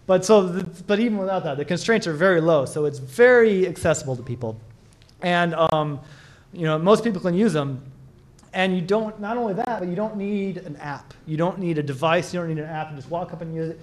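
A man's voice: sits high, brisk. A man giving a casual conference talk and answering questions, rambling with many restarts and fillers, recorded in a small room. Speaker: conference speaker.

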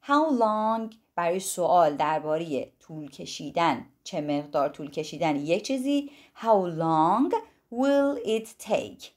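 A woman teaching English to Persian speakers, whose first language is Persian. She explains quickly and then repeats each English phrase slowly and clearly. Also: lowish voice.

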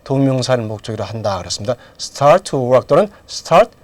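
A man's voice: mid-range voice, animated, moderate pace, darkish tone, no room sound. A middle-aged man teaching English grammar in a lecture, asking questions and then answering them himself. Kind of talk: lecture with drills.

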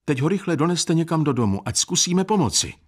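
A man voicing a small, calm doctor with a surprisingly broad, ringing voice in a storybook reading. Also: a little high, vocal fry, breathy edge, full character voice. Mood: urgent. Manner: ringing and commanding. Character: small, calm but commanding male doctor.

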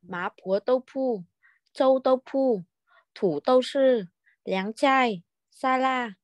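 Woman student reading words real slow, kinda high, dry sound. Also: no room sound, muffled recording. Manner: slow, halting reading of vocabulary.

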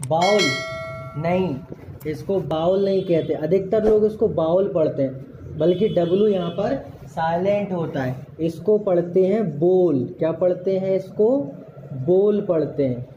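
An English pronunciation teacher from India giving a lesson in Hindi, quizzing the listener and then repeating each word slowly and deliberately. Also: mid-range voice, dark tone, highs cut off, a little hiss or hum.

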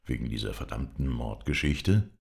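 Man doing a chatty young lord, very deep. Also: lively intonation, moderate pace, gravelly, heavily acted. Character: young nervous talkative English lord.

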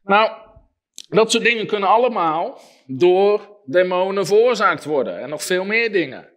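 A man preaching a sermon, emphatic, with sharp rises and drops in his voice. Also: high-pitched, expressive, unhurried. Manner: emphatic, rising and dropping sharply for effect.

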